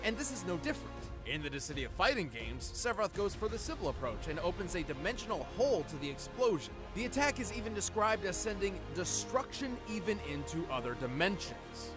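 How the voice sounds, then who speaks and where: An earnest, nerdy scientist co-host performed by a man, with a fairly high voice and animated intonation. He explains things precisely in scripted narration, with music clearly audible underneath. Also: a little fast, few pauses. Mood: analytical. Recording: voice over background music.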